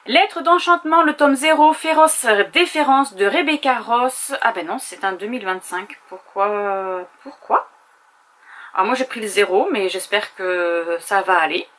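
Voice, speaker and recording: Unhurried woman chatting casually at home. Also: on the high side, a bit bright. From France. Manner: chatty, thinking aloud with small hesitations. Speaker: vlogger. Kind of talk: casual chat.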